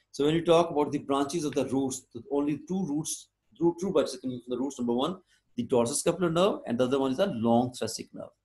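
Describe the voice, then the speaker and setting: A male lecturer with a Hindi-Urdu accent of northern South Asia speaks in a slightly high voice. He teaches live, repeating points and often adding short tags to check that students follow. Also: darkish tone. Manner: didactic, repetitive, frequent check questions and tags. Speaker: anatomy lecturer. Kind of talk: live online lecture, switching between English and Hindi-Urdu.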